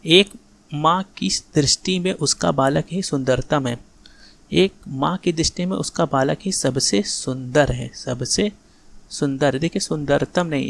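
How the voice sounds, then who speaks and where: The speaker is a man with a fairly high, creaky voice giving a laid-back grammar lecture for exam prep. He fixes sentences, repeats those corrections, and checks understanding again and again.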